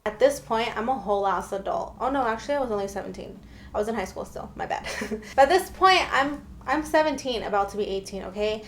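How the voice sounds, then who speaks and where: A woman's voice: fairly high pitch, animated, quick pace. Young woman, chatty and emphatic vlog storytime, faint hiss behind her. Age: young adult. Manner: chatty and emphatic, often addressing viewers. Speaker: storytime vlogger. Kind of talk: casual storytime.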